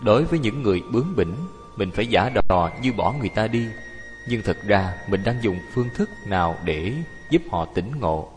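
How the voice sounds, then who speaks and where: A low-voiced man delivers a Buddhist dharma talk as a lay teacher. He tells his stories vividly and acts out the people he quotes. His voice rings with a long hall reverb over faint music. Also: expressive, normal speed, a little mellow. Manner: storytelling, acting out the people he quotes.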